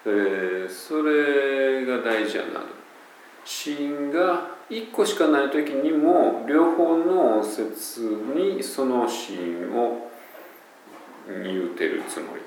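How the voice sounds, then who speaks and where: A man's voice: medium pitch, animated, takes it slowly, darkish tone, distant mic, slight background noise. A man with a Kansai accent, an English pronunciation teacher, casually explaining sounds and demonstrating them aloud. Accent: Kansai Japanese. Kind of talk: casual spoken lesson. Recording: very echoey room.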